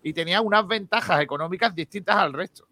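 A man hosting a lively football debate, insistent and quick to argue back. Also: high-pitched. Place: studio in Málaga.

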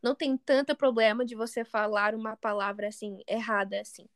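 Co-host: American-accented woman, hesitant, restarts often, high pitch. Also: level tone, fairly quick, dry recording, studio quality. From United States. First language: English. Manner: hesitant, searching for words, many restarts. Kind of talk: casual podcast chat.

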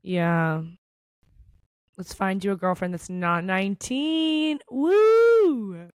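Chatty woman cohost, gushing and exclaiming a lot, lots of likes, dry close mic sound, middle pitch. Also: big pitch swings, slow, no echo. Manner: gushy, exclaims often, lots of "like" fillers. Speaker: podcast co-host. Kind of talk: casual chat.

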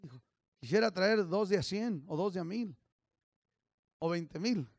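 Man pastor, high gravelly voice, dry recording; fiery call-and-response sermon. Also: animated, unhurried, no echo. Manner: exhorting, call-and-response, swings from soft to shouting. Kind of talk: bilingual sermon.

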